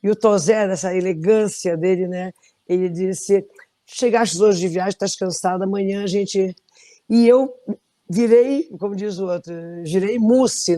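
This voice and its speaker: A middle-aged woman from Belém, Brazil, with a Brazilian Portuguese accent, a singer telling animated stories in an interview with many restarts. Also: medium pitch. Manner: animated storytelling, frequent restarts. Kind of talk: conversational interview.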